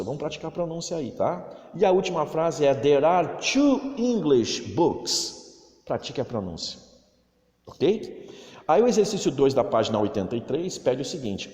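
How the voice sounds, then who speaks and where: A Brazilian Portuguese-speaking male teacher giving a recorded English lesson for children, drawing out English words slowly to model their pronunciation. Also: medium pitch, dark tone. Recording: echoey room with long reverb.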